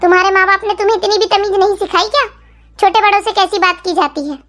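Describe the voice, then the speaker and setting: Woman performing cartoon old mother-in-law, lower and lamenting, scolding, faint music. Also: steady tone, fast talker, a bit bright. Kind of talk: cartoon family drama voice acting.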